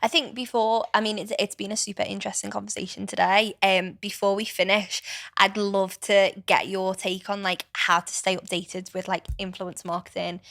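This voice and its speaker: A woman host runs a relaxed podcast conversation, her voice staying level with little rise or fall. She talks in a casual, filler-heavy way, recorded dry and close to the mic. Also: medium pitch, moderate pace, gravelly, no echo. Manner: chatty, frequent "like" fillers.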